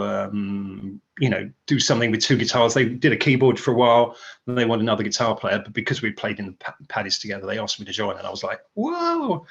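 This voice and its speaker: A man's voice: mid-range voice, fairly bright tone, muffled recording. A British man, a guitarist being interviewed, talking casually and rambling with fillers and restarts. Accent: British English.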